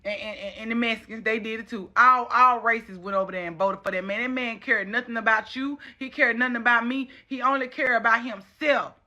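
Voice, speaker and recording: A woman's voice: a little high, steady tone, fairly quick, hardly any pauses, pushed and bright. A woman with a Southern US accent giving an impassioned, casual social media rant, scolding and repeating phrases for emphasis.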